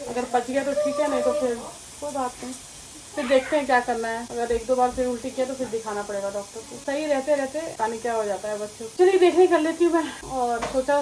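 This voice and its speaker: A woman's voice: sits high, rough recording. A woman in her thirties chatting casually to camera as a family vlogger, talking to her viewers as friends. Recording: loud background noise.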